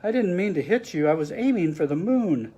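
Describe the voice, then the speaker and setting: A man's voice: high-pitched, lively intonation, fairly quick, mellow, husky, lo-fi sound. A man voicing a young elephant-headed boy god in a storybook reading, childlike and a little boastful. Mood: earnest.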